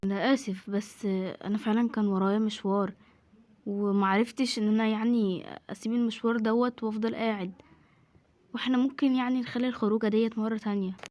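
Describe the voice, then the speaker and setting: An apologetic young office man with an Egyptian accent, as a woman acts him out, pleading and talking fast in a homemade drama. His voice runs somewhat high for a man. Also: steady tone, a little mellow, natural voice. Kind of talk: amateur voiced home drama.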